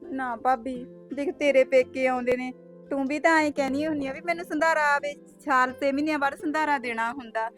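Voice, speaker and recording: A woman's voice: sits high, fairly even intonation, a little fast, a bit bright, faint music behind. An actress playing a young married woman who tearfully pleads with her brother and sister-in-law. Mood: welcoming. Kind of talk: village drama acting.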